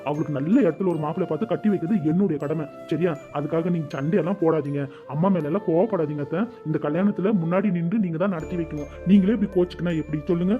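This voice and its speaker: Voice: medium pitch, animated, very fast, lightly acted. A performer voicing a defiant young man in a cartoon, arguing back at his aunt. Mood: pleading. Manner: protesting, argumentative. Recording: dull lo-fi audio with faint music.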